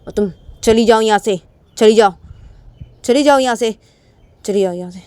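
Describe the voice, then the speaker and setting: A woman's voice: a little high, normal speed, darkish tone, clean tone, no echo, pitched above the performer's own voice, natural voice. A woman voicing an angry, hurt young man in a storybook romance, bitterly repeating himself as he pushes his wife away.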